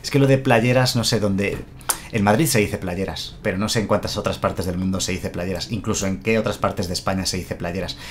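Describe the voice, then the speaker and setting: A man's voice: low voice, fairly even intonation, a little fast, a little hiss or hum. Chatty Spanish-male streamer. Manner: chatty, explains and answers viewers' comments. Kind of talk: casual live-stream chat.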